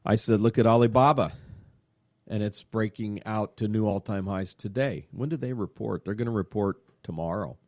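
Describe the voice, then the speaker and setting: A man hosting a radio show, chatting in a casual way, excitable and full of fillers. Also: lowish voice, moderate pace, few pauses, dry recording, clean studio sound. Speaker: radio show host and money manager.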